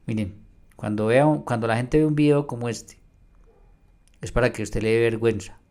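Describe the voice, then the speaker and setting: Man, Bible teacher, mid-pitched voice, emphatic verse-reading, confronts a rival pastor. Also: normal speed, darkish tone. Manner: emphatic, reads verses aloud and argues; addresses a rival pastor directly. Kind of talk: video response on scripture.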